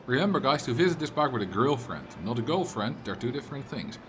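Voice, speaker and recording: A young native Dutch speaker from the Netherlands livestreams a game, chatting casually with a Dutch accent, reading viewer messages aloud, joking back and sometimes launching into loud, exasperated rants. His medium-pitched voice is sing-song and quick, with music playing behind him.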